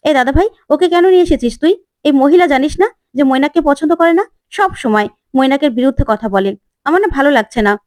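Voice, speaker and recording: A woman voicing a touchy young wife who snaps back quickly in a retold TV serial. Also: high-pitched, animated, a little mellow, dry recording, studio quality, voice pushed up. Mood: defensive. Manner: snapping, quick.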